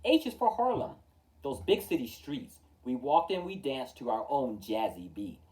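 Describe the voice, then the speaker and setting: This is an expressive read-aloud of a rhyming picture book by a male storytime host, his medium-pitched voice mellow in tone. He's very animated and theatrical yet measured, stressing the openings of lines and letting them fall at the close. The mic seems to be a little way off.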